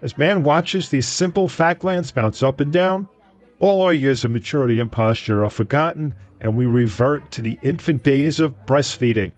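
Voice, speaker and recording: A man voicing his drunk business partner, who rants loudly and theatrically like a preacher at a bar. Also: mid-range voice, normal speed, voice pushed up, natural voice. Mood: ranting. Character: drunk, boastful male business partner ranting. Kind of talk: audiobook character voice.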